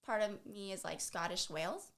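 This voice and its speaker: A woman's voice: mid-range voice, moderate pace. A woman guest on a casual podcast, chatting in a laid-back, giggly way with many fillers. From Dallas, USA.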